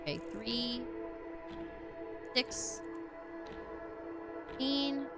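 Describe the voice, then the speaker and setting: A woman streams a game while chatting casually, her fairly high voice very slow, fairly even in intonation and edged with vocal fry. Playful and rambling, she hums and scats to herself in what she calls a witchy voice, with music in the background.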